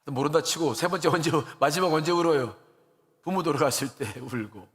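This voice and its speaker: A male pastor preaches in a sanctuary whose long reverb trails after every phrase. His voice sits a little high for a man, and his talk is earnest and conversational. Gentle self-mocking laughs come through as he tells stories. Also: a little fast. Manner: earnest and conversational, with rising emotional emphasis; laughs at himself while telling stories. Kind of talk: sermon. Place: church sanctuary.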